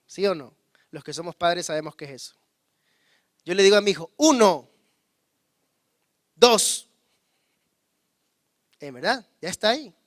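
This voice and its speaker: Man, pastor, high voice, dry close sound, loud and hushed by turns. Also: dry recording. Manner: calls on the congregation to repeat words; swings between loud emphasis and hushed low asides. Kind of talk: sermon.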